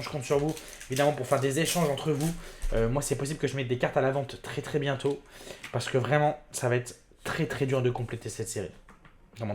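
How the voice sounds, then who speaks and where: A man hosting his own card-opening video, chatting excitedly and talking straight to his viewers. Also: medium pitch, slight background noise. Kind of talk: casual card unboxing commentary.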